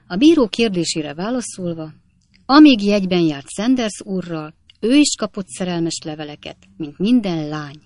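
A woman narrating an audiobook of a classic novel in a lively, expressive storytelling style. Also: on the low side, no echo.

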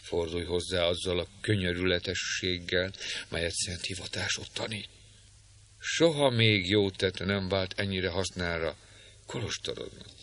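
A man voicing a young captive woman who begs softly and urgently in an audiobook. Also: deep voice, slight background noise. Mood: pleading. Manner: soft, hushed and imploring.

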